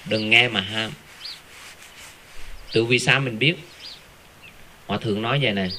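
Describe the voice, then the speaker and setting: Brief: male lay Buddhist speaker, bright tense tone, lively rhetorical delivery, faint background hiss. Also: mid-range voice. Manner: animated, rhetorical questions, joking asides. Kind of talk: casual Dharma talk.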